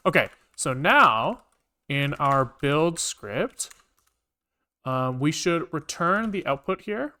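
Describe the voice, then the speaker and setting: A man codes on a live stream, muttering to himself casually and swearing as he works things out. His fairly high voice is animated yet slow, with a pushed, bright quality.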